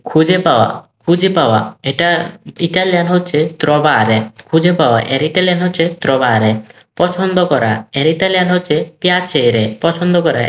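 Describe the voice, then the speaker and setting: A patient language teacher drills vocabulary, saying every word twice and drawing out the example phrases. The voice sits at an ordinary middle pitch. The recording carries a clear roomy echo. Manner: slow and repetitive, drilling each word twice; stretches out the practice phrases. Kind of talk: language lesson. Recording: roomy echoey room.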